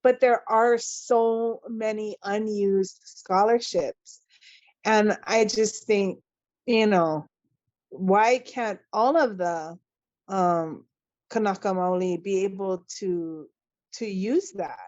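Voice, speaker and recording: A woman in her forties speaks as a podcast guest, earnest and impassioned, stumbling into restarts as she works her thoughts out. The sound is dull and lo-fi, and very dry. Her pitch sits in an ordinary middle range. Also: slow pace, a little mellow, no room sound. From Hawaii. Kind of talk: casual podcast interview.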